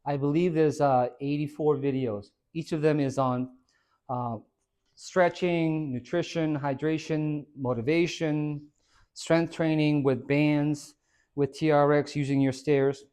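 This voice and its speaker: Upbeat man, somewhat high voice. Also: takes it slowly, clean tone. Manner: energetic, quizzes the audience, tags many points with "right?". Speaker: fitness trainer giving a talk. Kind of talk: informal presentation to a small audience. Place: hair and skin salon, indoors.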